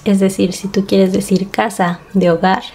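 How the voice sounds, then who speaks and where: A woman's voice: medium pitch, level tone, moderate pace, mellow, slight background noise. A woman in her thirties with a Mexico City Spanish accent, talking candidly to her listeners as a podcast host. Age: 30s. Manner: candid, conversational, talks to listener directly. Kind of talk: casual monologue podcast.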